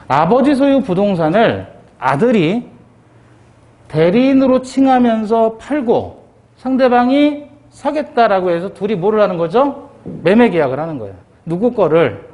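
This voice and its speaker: A middle-aged man teaches civil law for an exam course in a lecture style. His voice sits high for a man and swoops up and down as he asks the class questions. He drops into quoted voices to act out short scenes. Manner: animated, acts out dialogue in quoted voices.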